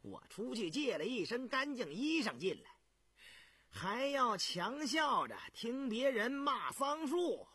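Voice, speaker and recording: Man putting on a brash coarse prince, loud and sneering, very high and lively, husky edge. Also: slow, no echo, heavily acted. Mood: bitter.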